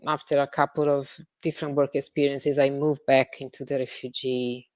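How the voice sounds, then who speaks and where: Speaking at a moderate pace, this very deep-voiced woman keeps a level, darkish tone with no room sound around her. She's a guest psychologist from Italy, hesitant in her interview answers and full of fillers.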